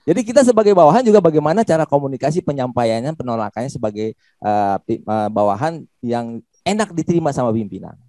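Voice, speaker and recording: A man speaking as a coach in an online seminar, answering questions politely and deferentially, with lively intonation over a video call. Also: medium pitch, fast talker, no echo.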